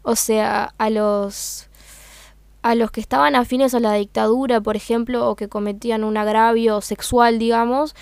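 Speaking at a measured pace, a young Uruguayan woman who creates a meme page has a fairly high, clean-toned voice with vocal fry and fairly even intonation. There's no room sound, and her casual monologue is hesitant and full of fillers as she searches for words.

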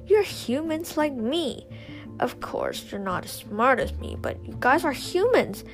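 Brief: woman reading a smug, mocking villain man, slow and loud, raised voice. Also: high-pitched, huge pitch swings, vocal fry, faint music behind, voice pushed up, full character voice. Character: pompous boastful male castle owner, mocking.

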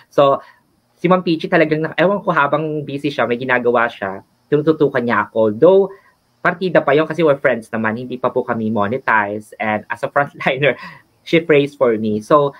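Chatty, giggly man on dull lo-fi audio. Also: mid-range voice. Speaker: co-host and nurse. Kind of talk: casual Taglish show chat. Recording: dull lo-fi sound.

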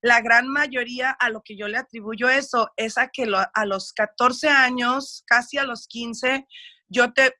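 Una mujer criada en Estados Unidos con acento mexicano muy marcado, conversando en una entrevista de forma expresiva y franca, mezclando algunas palabras en inglés. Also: female voice, a little high, no echo. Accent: Mexican Spanish. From United States. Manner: expressive and talkative, mixing in English words; candid, speaks of her faith. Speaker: guest. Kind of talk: casual interview chat.

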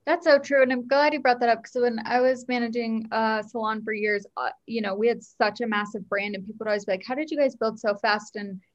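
Woman podcast cohost, kinda high voice, chatty, explaining stuff casually. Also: steady tone, fast talker, hardly any pauses, dull audio. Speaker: podcast co-host.

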